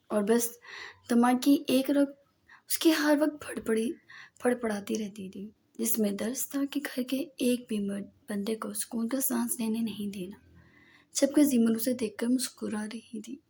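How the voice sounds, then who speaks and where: Soft-spoken woman reading a novel. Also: fairly high pitch, a little slow. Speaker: narrator. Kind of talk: scripted audiobook narration.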